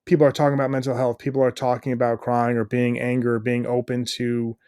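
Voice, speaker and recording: A man's voice: mid-range voice, completely flat delivery, quick pace, warm tone, clean tone, no room sound, clean studio sound. A middle-aged man, a stay-at-home dad guesting on a podcast, talking in an earnest, rambling way with lots of fillers. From United States. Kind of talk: casual interview chat.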